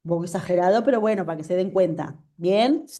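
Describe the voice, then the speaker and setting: Patient woman teaching French, mellow voice. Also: lowish voice, fast. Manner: patient, checks understanding often. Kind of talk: online class explanation. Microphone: video call.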